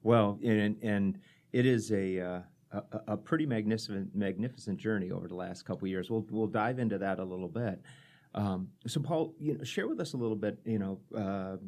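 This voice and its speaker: Male interviewer, casual host, lowish voice, halting speech full of fillers. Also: a little mellow. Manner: hesitant, many fillers and repeated words.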